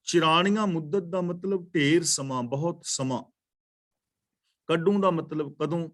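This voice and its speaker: A man in his sixties explaining scripture in a slow, measured way, repeating phrases as he teaches. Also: fairly high pitch, fairly bright tone. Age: 60s. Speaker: katha preacher. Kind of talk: scripture exposition.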